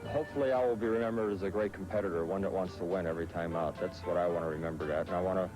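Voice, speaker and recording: A man in his thirties, a professional baseball pitcher from the Netherlands who was raised in Southern California, answering interview questions in a relaxed way with frequent fillers. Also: rapid-fire, music in the background, poor audio.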